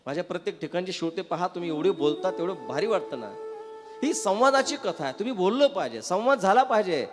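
A man preaching a devotional sermon to a live audience, lively and coaxing listeners to answer back. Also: sits high, fast. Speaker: katha preacher. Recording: reverberant hall with faint music.

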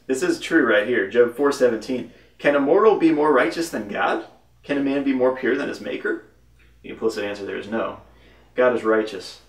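A man's voice: on the low side, gravelly, recorded from a distance. A man teaching devotionally from the Bible, reading verses aloud and commenting with emphatic bursts. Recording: roomy echo, voice from off-mic.

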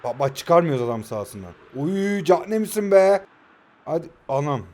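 A young man in his twenties with a high voice calls his own mobile football match as it plays out. He is excitable, yells player names on every attack and curses at the game in good fun. His pitch sits well above most men's. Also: moderate pace. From Turkey. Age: 20s. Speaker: mobile football gaming YouTuber. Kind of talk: live gameplay commentary.

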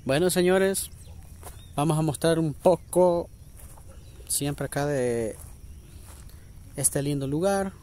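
A man narrating a casual outdoor vlog in drawn-out phrases with pauses, recorded on a handheld phone. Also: on the high side, mellow. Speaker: vlog host. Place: open grassy hillside, outdoors.

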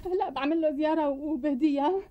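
An actress playing a flustered young doctor who talks in a fretful, pleading way with a Syrian Arabic accent in a TV sitcom. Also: female voice, sits high, quick pace, highs cut off, very noisy, close to an everyday voice. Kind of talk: TV sitcom acting.

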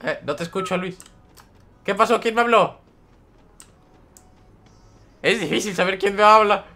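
A man's voice: high-pitched, a little slow, bright, forceful tone. A young man streaming a game live, chatting with viewers, greeting them by name and reading the chat aloud. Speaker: gaming streamer.

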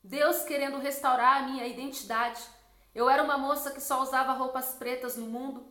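A woman's voice: fairly even intonation, brisk, reverberant. Earnest young woman sharing a testimony. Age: 20s. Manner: earnest storytelling, drops soft and low when quoting God. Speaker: missionary. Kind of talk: personal testimony.

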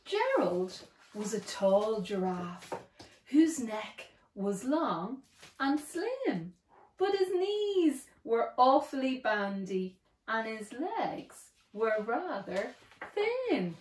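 A woman slowly reading a rhyming children's picture book aloud in an expressive, sing-song way. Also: on the high side. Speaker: storybook reader. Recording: echoey room.

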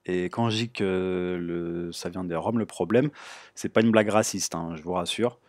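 A man hosting a computer tutorial, explaining step by step in a relaxed way with frequent filler sounds. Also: low voice, moderate pace, no echo, clean studio sound. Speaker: tutorial host. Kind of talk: screen-recorded tech tutorial.

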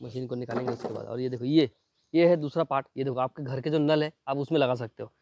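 A man doing a fast, chatty unboxing demo, pointing things out again and again as he shows each part. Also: medium pitch, vocal fry, background noise. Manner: fast, chatty, repeats "ye dekho" constantly. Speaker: product reviewer. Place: at home near a building site.

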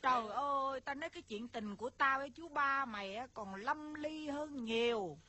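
A woman's voice: sits high, moderate pace. A woman playing a bossy older aunt. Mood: bossy scolding. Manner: bossy, scolding, then sings wistfully. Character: older aunt boasting of her romance. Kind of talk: comic folk-opera acting with sung verses. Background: loud stage music.

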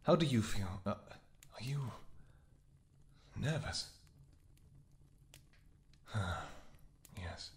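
Soft-spoken and tender, a man plays an affectionate, protective vampire royal husband in a scripted audio roleplay, pausing hesitantly. His voice sits in the mid range with lively intonation.

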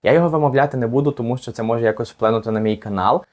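A man teaching a language lesson step by step, patiently saying each phrase slowly and repeating it for the learner. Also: mid-range voice, darkish tone.

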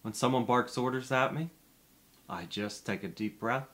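A man's voice: mid-range voice, normal speed, fairly bright tone, natural voice. A middle-aged man playing an earnest, grateful guest giving a confessional testimonial in a scripted parody infomercial. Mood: grateful, relieved.

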